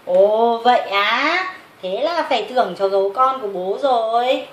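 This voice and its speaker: Lady playing proud doting daddy bear in a kids puppet story, high voice, echoey room. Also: expressive, a little slow. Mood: impressed. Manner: exclamatory, doting. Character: proud, affectionate father bear. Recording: roomy echo with clear background noise.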